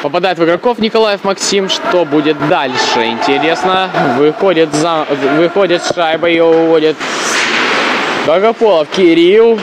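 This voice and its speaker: Higher-voiced man commentating over loud noise. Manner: colloquial, short fragmented phrases with interjections. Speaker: hockey commentator. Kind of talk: live play-by-play commentary. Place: indoor ice hockey rink. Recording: noisy live recording in ice rink. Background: loud rink ambience noise.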